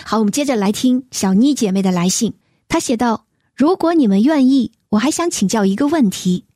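Woman, faith radio co-host, gentle measured reading, warm mellow tone, dry studio sound. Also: a little high, expressive, no echo. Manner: gentle, measured, reads letters aloud. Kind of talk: reading listener letters on a faith program.

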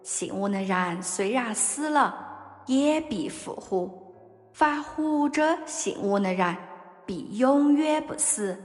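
A hushed, solemn Jesus in a storybook retelling, voiced by a woman narrator. He speaks slowly in calm, measured phrases, with faint music underneath. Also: fairly high pitch, long reverb tail.

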